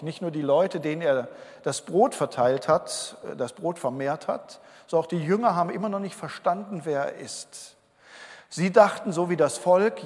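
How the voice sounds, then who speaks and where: A man giving an earnest sermon to a congregation, explaining Bible verses. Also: on the high side. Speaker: pastor. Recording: long hall reverb.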